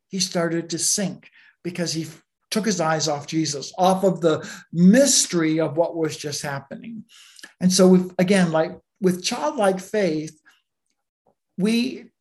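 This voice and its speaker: A Bible teacher giving a conversational sermon, relaxed and full of everyday asides and stories. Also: mid-range voice, unhurried. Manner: relaxed, anecdotal, with many asides.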